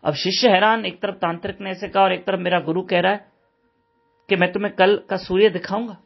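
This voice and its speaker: High-voiced husky man telling a devotional story. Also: brisk. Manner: animated, acts out the dialogue. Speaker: spiritual storyteller. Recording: dull lo-fi recording with faint music.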